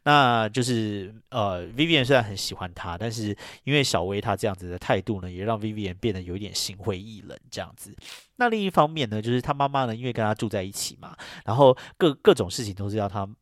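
Guy talking quick, kinda low voice, rambly movie recap with lots of filler, dry close mic. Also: expressive, dry recording. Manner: rambling, ends sentences with filler phrases; acts out characters' lines with jumps in pitch. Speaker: podcast host. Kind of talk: casual film recap.

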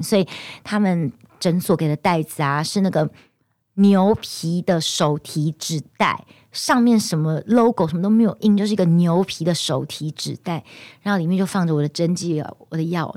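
A hoarse woman with a Taiwanese Mandarin accent hosts a solo podcast in a lowish voice. She tells her story with indignant, animated energy in a casual monologue. The recording is dry and close, with no room sound. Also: dry recording. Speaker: podcast host.

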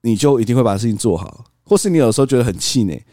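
A man's voice: medium pitch, lively intonation, rapid-fire, mellow, dry recording, studio quality. A man co-hosting a casual podcast, a father telling stories about his toddler and acting out the child's replies. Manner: storytelling, acts out toddler's cries. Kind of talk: casual chat.

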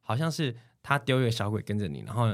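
A man's voice: mid-range voice, fast, no echo, studio quality. A man with a Taiwanese Mandarin accent, a podcast guest telling stories in casual chat and acting out the voices of people he quotes. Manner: animated, acts out quoted voices.

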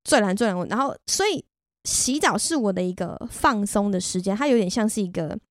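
A woman's voice: mid-range voice, expressive, a little fast, dry recording, studio quality. A woman with a Taiwanese Mandarin accent, hosting a podcast and telling a personal story in a candid, chatty, self-deprecating way. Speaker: podcast host. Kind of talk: casual personal storytelling monologue.

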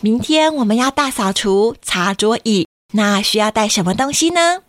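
A woman's voice: on the high side, animated, moderate pace, no room sound, clean studio sound, close to an everyday voice. A woman voicing a patient, encouraging schoolteacher in a storybook. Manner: encouraging classroom instruction.

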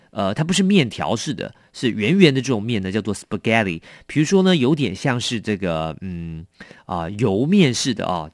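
In a clean studio recording with no echo, a man with a lowish voice gives an English vocabulary lesson explained in Mandarin. He keeps it chatty and explanatory, posing rhetorical questions along the way.

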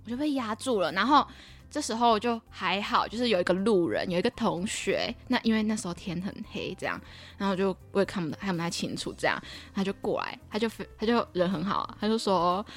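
A woman's voice: medium pitch, fairly quick. A young woman co-hosting a casual podcast, telling a story with lots of laughter and acted-out quoted lines. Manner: animated, laughing often, acts out quoted lines. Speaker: podcast co-host.

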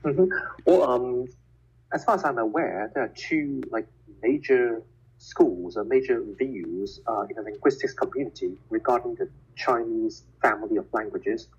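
Over a call, a Cantonese-speaking man who works as a physicist and educator talks casually, measured and explanatory, often using fillers. His voice is medium in pitch and husky, and the audio is dull.

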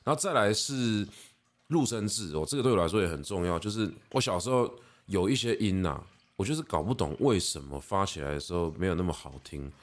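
A man in his thirties with a Taiwanese Mandarin accent, hosting a podcast and patiently explaining pronunciation, slowly demonstrating sounds. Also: sits low, animated. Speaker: podcast host. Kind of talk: casual explanatory monologue.

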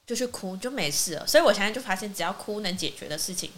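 Woman co-host, quick animated storyteller, faint hiss. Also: mid-range voice. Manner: lively storytelling, acts out quoted friends. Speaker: podcast co-host. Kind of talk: casual chat.

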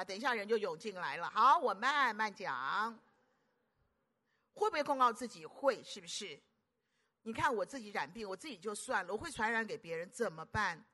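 A middle-aged woman preacher, delivering an animated sermon full of rhetorical questions to the congregation. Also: mid-range voice. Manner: animated, keeps asking the audience rhetorical questions; acts out anxious inner voices and conversations.

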